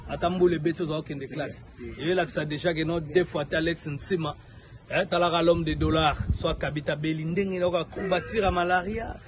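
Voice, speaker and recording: A man giving enthusiastic, praising shout-outs. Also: on the high side, fairly even intonation, a little fast. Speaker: fan sending shout-outs. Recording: crowd clearly behind.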